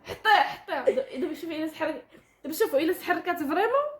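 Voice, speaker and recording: A woman's voice: very high-pitched, animated, racing, echoey room, very noisy. A woman with a Moroccan Arabic accent, bossing around and teasing in a casual vlog. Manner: bossy, teasing, giggling. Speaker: vlogger.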